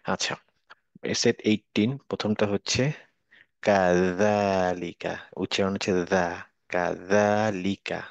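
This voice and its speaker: A man with a Bangladeshi Bengali accent teaching Quran reading, pronouncing Arabic words slowly one by one and correcting pronunciation between them. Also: on the low side, dry recording, dull audio. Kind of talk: slow word-by-word recitation lesson.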